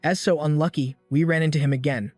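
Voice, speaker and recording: Guy doing a scared stuttery kid, nervous, higher voice, music faint behind. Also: steady tone, fast, darkish tone, no echo, close to an everyday voice. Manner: stuttering, fearful. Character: timid young male student, easily scared.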